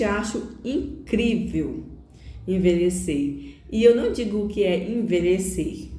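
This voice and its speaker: A middle-aged woman hosting a reflective monologue, unhurried, with soft laughs and frequent tag questions. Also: mid-range voice. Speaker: host. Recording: echoey room.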